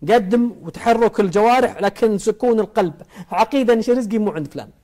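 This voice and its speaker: A man gives a religious talk in a fairly high voice. He moves at a brisk clip and keeps asking his listener questions. He builds his points from playful everyday examples. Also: mellow. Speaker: religious preacher.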